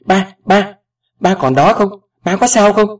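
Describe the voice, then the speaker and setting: An emotional grown daughter, as a male reader puts her on, her voice pitched up high and swinging widely as she pleads through a lump in her throat. The voice sounds a little husky and sits far back from the microphone. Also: animated, brisk, a little mellow. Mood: crying out. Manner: choked, raised voice. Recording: voice distant from the mic.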